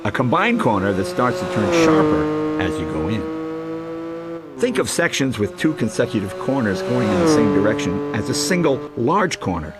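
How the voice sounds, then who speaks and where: Reading a scripted, explanatory tutorial for a racing game, the male narrator has a voice on the high side that is expressive and paced at a normal speed. Engine and race car sounds are constant, with loud engines roaring behind him.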